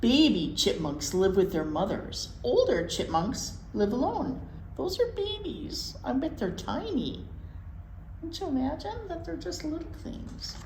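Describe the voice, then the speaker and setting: Reading aloud for children, this woman uses a high voice, a touch slow, with highly animated, swooping intonation. Simple reading alternates with folksy, casual explanations, and she repeats words for emphasis. The room echoes and holds some faint noise.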